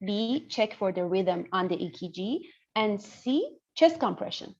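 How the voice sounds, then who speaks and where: This northern Iranian pediatrician explains material in an interactive online medical class with an Iranian accent, regularly making sure listeners keep up. Her mid-range, sing-song, darkish voice is unhurried, coming through muffled on an indoor video call.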